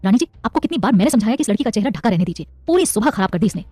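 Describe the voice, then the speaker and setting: A woman's voice: a little high, big pitch swings, racing, mellow, no echo, faint music behind. Woman voicing an old man in debt. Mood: angry. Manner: pleading. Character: older man in debt, desperate and harsh.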